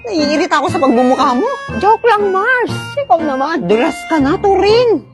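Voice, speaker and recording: A woman's voice: very high-pitched, very animated, normal speed. A woman acting out a comedy skit with teasing, bickering banter. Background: music.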